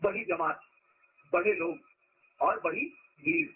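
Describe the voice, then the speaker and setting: A man's voice: sits high, slow pace, a little hiss or hum. A man giving a spiritual discourse to followers, telling stories and stressing words to make his point. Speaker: spiritual teacher. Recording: lo-fi phone-like recording.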